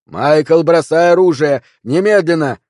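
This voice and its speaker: Man putting on a shouting cop, commands at full volume, dark dry tone. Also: fairly high pitch, unhurried, dry recording, pitched above the performer's own voice, close to an everyday voice. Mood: shouting orders. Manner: barking commands. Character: loud agitated male police officer.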